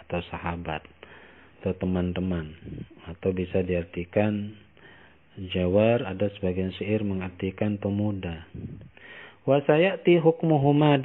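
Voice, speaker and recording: Indonesian-accented male teacher, slow, deliberate delivery, reads then translates phrase by phrase, tinny phone-like sound. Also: lowish voice. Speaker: Islamic teacher. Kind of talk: classical text study lesson.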